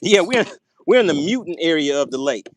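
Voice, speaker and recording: A man commentating a live fishing stream to his chat from a boat on a lake, excitable and teasing, laughing often. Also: a little high, fairly quick, a little hiss or hum.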